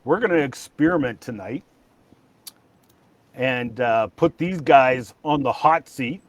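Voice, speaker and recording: A man's voice: mid-range voice, lively intonation, takes it slowly, dry recording. A man hosting a casual livestream chat, rambling with restarts and laughter. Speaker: livestream host.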